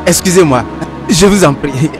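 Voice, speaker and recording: An actor playing a poor young street vendor selling biscuits, begging and then cursing a customer. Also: male voice, on the high side, moderate pace, music in the background, close to an everyday voice. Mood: pleading. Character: poor male street biscuit seller, pleading then furious.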